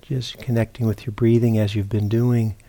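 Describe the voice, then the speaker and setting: At a meditation retreat center, a teacher leads a guided meditation in a mellow, fairly low voice with very soft edges. His pitch barely moves; he goes slowly and haltingly, with long silences and frequent repetitions of a word before he moves on.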